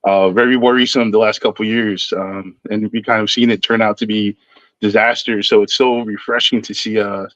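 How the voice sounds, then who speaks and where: A man's voice: fairly low pitch, no room sound. A man calling in to a sports show for casual fan chat. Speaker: caller. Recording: dull band-limited phone-in line.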